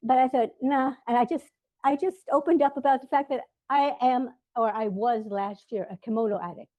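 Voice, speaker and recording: A woman's voice: a little high, fairly quick, no room sound, phone-quality sound. Wry older woman, dry close sound. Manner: self-deprecating, wry storytelling. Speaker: vendor and speaker. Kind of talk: humorous presentation. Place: outdoor garden event.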